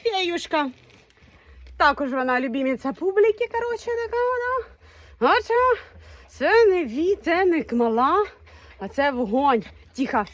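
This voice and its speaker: A woman's voice: high voice, big pitch swings, measured pace, no echo. A woman dog breeder in a casual vlog, talking playfully and in baby talk to her puppies, laughing now and then.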